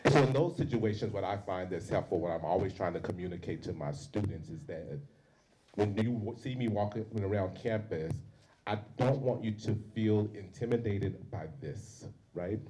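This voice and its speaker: Man, university teacher, storytelling at a panel; animated, acts out quotes, lowish voice, faint hiss behind. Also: moderate pace, rough recording. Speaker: panel speaker.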